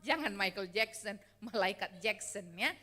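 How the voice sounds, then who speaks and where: A woman's voice: mid-range voice, expressive, slow, bright, forceful tone. A woman preacher giving a chatty, teasing sermon, often asking the congregation for replies. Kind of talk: lively sermon. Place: church hall. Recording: hall reverb.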